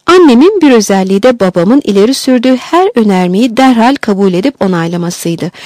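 Woman narrator, audiobook reading, steady storytelling, dry close sound. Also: on the high side, no room sound. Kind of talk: audiobook reading of a classic novel.

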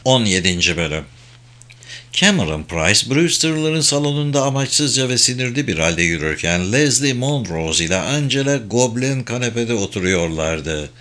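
A man reading a novel aloud as narrator, in a steady reading voice. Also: medium pitch, moderate pace. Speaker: audiobook narrator. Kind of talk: scripted narration.

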